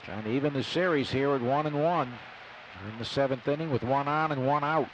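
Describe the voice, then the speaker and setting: A man calls baseball play-by-play on live radio from the broadcast booth at an outdoor ballpark, speaking fairly quickly in a mid-range voice. His clipped phrases swell on the big plays, and the noisy stadium broadcast is full of loud ballpark ambience.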